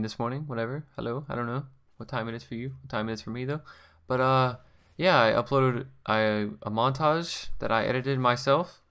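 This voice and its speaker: Man, casual gameplay commentary, smooth resonant voice, offhand rambling delivery. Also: mid-range voice, fairly bright tone. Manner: rambling, offhand, self-correcting. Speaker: gaming channel host.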